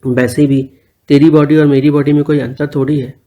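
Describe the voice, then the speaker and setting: A man's voice: fairly high pitch, level tone, moderate pace, lo-fi sound, natural voice. Man doing an eager, begging young man. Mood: pleading. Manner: begging, wheedling.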